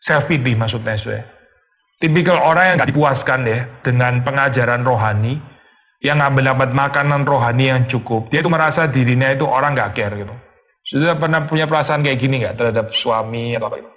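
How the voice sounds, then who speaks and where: Conversational preacher mixing in English phrases. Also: male voice, mid-range voice, fairly quick, fairly bright tone. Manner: acts out complaining voices. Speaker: pastor. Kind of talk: sermon.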